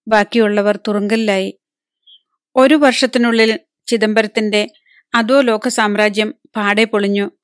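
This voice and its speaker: A woman's voice: medium pitch, dry recording, clean studio sound. A woman narrating a novel as an audiobook, reading evenly and speaking the characters' lines herself. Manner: even storytelling read, voicing characters' lines within narration.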